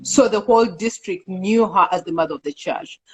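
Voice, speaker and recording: A middle-aged woman from Uganda, a guest in an interview, speaking earnestly and haltingly with many fillers. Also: mid-range voice, low-quality recording. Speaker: executive director, interview guest. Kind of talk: casual interview talk.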